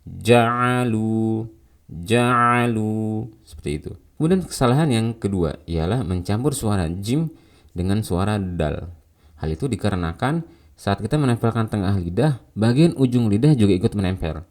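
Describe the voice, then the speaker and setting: A man's voice: on the low side, very animated, fairly quick, mellow. A man teaching Quran recitation, patiently explaining letter sounds and repeating Arabic syllables for learners to copy. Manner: explains, then demonstrates correct and wrong sounds. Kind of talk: tajwid lesson with spoken pronunciation drills.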